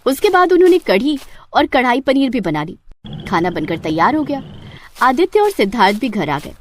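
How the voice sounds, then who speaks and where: A woman's voice: on the high side, sing-song, moderate pace, slight background noise. A woman narrating a scripted story.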